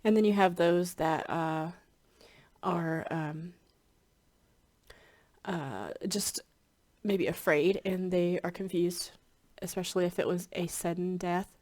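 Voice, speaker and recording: A woman who practices spiritual hypnotherapy chats informally to camera with her viewers, rambling and full of ums and restarts. Her fairly low, slightly mellow voice is slow, with fairly even intonation, and a bit congested and scratchy.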